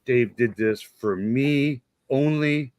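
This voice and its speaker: A man's voice: medium pitch, takes it slowly, darkish tone, no echo. A man in his fifties hosting a casual fan chat, enthusiastic and rambling, with a jokey streak. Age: 50s. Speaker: show host.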